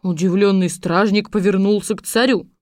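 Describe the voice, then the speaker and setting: A woman narrating a fairy tale in a calm, even storytelling manner. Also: medium pitch, normal speed, no room sound, studio quality.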